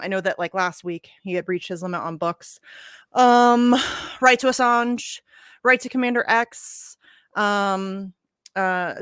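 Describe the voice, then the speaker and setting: A woman's voice: mid-range voice, clean tone, no echo, studio quality. A young woman co-hosting a casual podcast, talking animatedly, laughing often and swearing freely. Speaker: podcast co-host. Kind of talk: casual chat.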